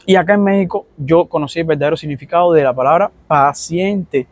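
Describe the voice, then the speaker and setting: Cuban guy doctor vlogging, kinda high voice, acts out his patients, super dry sound. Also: brisk, no room sound. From Cuba. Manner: animated storytelling, acting out patients' complaints. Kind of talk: casual vlog monologue.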